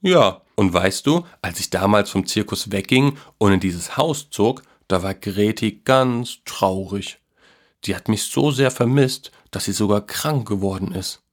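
A man's voice: lowish voice, animated, unhurried. A man voicing a kindly, playful old man who teases and encourages a boy. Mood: storytelling. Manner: warm, teasing and encouraging.

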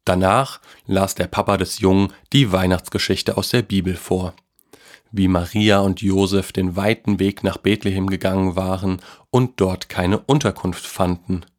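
A man calmly reading a children's Christmas story aloud in a gentle storybook manner. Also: low voice, moderate pace.

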